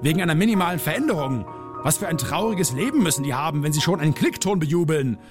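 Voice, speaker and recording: A man voicing his own misanthropic, hot-tempered alter ego, ranting and sneering over soft piano music. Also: a little high, expressive, fast talker, close to an everyday voice. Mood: ranting scornful.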